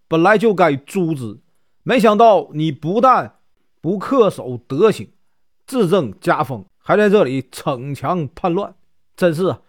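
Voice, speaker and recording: A stern old court minister speaks in solemn, declaiming lines, as a male storyteller puts him on. His voice swings with lively pitch, and the sound is close and dry. He is loyal and unbending. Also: dry recording.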